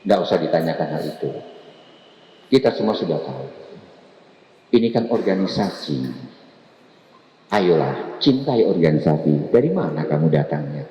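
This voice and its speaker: A middle-aged man giving a lively spoken testimony in a mosque, telling his story and taking on the voices of the people in it. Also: very deep voice, normal speed, pauses often. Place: large mosque hall. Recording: echoey hall reverb.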